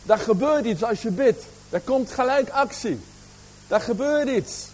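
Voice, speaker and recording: A man's voice: extremely high pitch, expressive, measured pace, darkish tone, low-quality recording. A man preaching a sermon, asking the congregation questions, with a slight cough.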